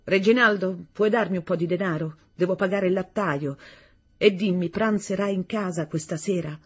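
A woman doing a brisk, insistent wife. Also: fairly low pitch, breathy edge.

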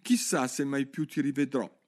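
A man's voice: a little high, sing-song, normal speed, fairly bright tone, voice pushed up. A man voicing a polite, precise little girl in a storybook reading. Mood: wistful. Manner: earnest, precise.

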